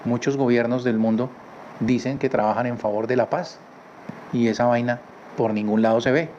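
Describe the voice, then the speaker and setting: Man, informal Bible teacher, chatty, mid-pitched, recorded slightly dull with faint noise behind. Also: fairly even intonation, moderate pace, a little mellow. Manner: conversational, with rhetorical tag questions. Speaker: Torah teacher. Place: his home.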